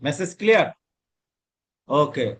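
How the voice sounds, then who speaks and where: Man, Quran teacher, fairly high voice, call-and-response drilling, repeats answers. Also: expressive, measured pace, a bit bright, husky. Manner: asks questions and repeats answers, drills pronunciation.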